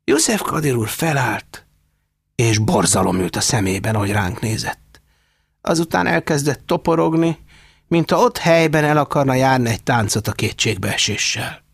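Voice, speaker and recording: A man narrating an audiobook in a wry, expressive storytelling manner. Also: mid-range voice, gravelly, breathy edge, dry recording, clean studio sound. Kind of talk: scripted narration.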